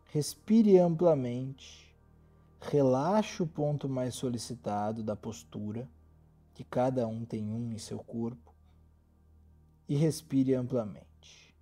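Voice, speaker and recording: A man with a Brazilian accent guiding a yoga relaxation as an instructor, speaking in a calm, soothing and gently instructive manner. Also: medium pitch, takes it slowly, faint music behind.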